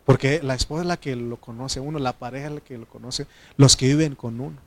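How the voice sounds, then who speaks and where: A man preaching a conversational sermon, speaking informally with filler pauses and frequent amens to his congregation. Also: medium pitch, no echo.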